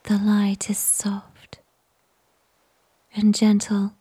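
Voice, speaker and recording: A woman whispers a guided relaxation story about nature in a very breathy, soft, mid-range voice whose melody barely moves. She speaks slowly and soothingly, with long pauses between short phrases, and there's no room sound.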